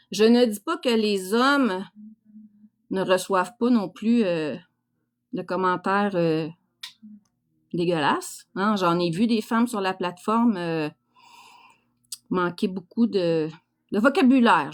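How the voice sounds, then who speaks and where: A middle-aged woman with a Québécois French accent, chatting casually and bluntly as a livestream host, with crude, teasing colloquial talk. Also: mid-range voice. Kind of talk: casual live chat reacting to viewers.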